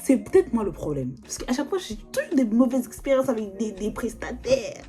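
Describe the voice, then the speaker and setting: A woman's voice: a little high, very animated, fairly quick, mellow. Young woman, slangy casual vlog chat, lots of fillers, phone recording, faint background music. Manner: chatty, slangy, full of fillers. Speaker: vlogger. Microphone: phone or video call.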